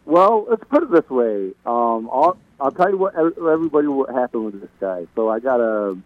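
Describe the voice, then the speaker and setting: A man calling in on a phone that sounds muffled and bass-heavy, telling a story in halting bits with restarts. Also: sing-song. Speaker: caller, online video maker. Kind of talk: casual call-in chat. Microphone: phone call into a radio studio. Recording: dull muffled phone line.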